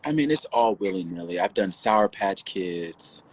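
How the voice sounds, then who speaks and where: A man joining a casual livestream from home over a phone call, chatty and quick to laugh. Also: sits low, a little hiss or hum. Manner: laughing, chatty, animated storyteller. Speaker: livestream guest. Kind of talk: casual chat.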